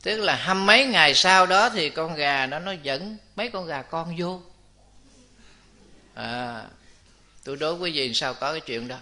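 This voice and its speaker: A man preaches, telling a moral tale to his audience. His voice is bright and cutting, and it sits a little high for a man. He slips in and out of the voices of the people in his story. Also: measured pace, pauses often. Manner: lively storytelling, acts out characters' voices, addresses the audience directly. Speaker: Buddhist preacher. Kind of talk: storytelling dharma talk.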